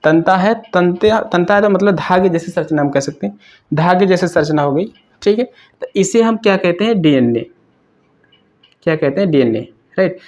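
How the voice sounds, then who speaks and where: A man's voice: sits high, lively intonation, normal speed, darkish tone. A man teaching a science lesson who asks questions, answers them himself and keeps checking "right?".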